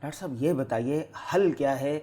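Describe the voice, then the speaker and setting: A man's voice: mid-range voice, warm tone. A man hosting a podcast, murmuring agreement and putting earnest questions to his guest. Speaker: podcast host. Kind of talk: interviewing, brief affirmations.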